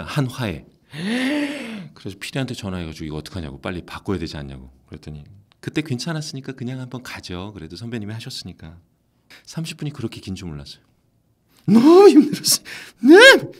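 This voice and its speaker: A middle-aged man with a fairly low voice speaks in a lively, swinging way, his pitch rising and falling a lot. He is a voice actor answering interview questions in a relaxed, chatty manner. He drops into quoted lines and acts them out as he tells his stories. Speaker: voice actor and academy head.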